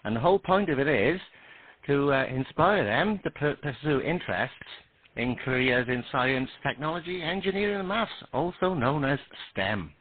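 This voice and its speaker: Husky man explaining over a tinny radio. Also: medium pitch, expressive, moderate pace. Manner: explanatory, uses radio call signs. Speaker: guest panellist. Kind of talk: amateur radio net chat. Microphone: radio transceiver.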